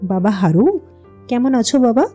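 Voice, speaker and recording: A woman voicing an anxious, scolding village mother in an audio story, fussy and quick to rise when worried. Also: fairly high pitch, lively intonation, mellow, soft background music, close to an everyday voice. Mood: tender.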